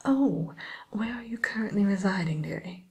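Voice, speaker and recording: A woman voicing a sly, sweetly courteous wicked witch tutor in a hushed, musing ASMR roleplay. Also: medium pitch, lively intonation, natural voice. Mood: haughty, helpful. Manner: hushed, unhurried, hesitant musing, faux-genteel.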